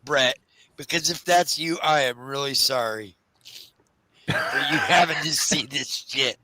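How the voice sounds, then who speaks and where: Bright, slow-talking man with exclamations. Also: mid-range voice. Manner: reactive, exclamatory interjections. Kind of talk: casual sports chat.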